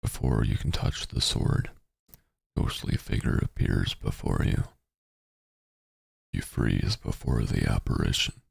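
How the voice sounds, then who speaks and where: A man streaming a game, reading its story text aloud and adding halting, muttered casual commentary. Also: no echo. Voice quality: very deep, gravelly, husky.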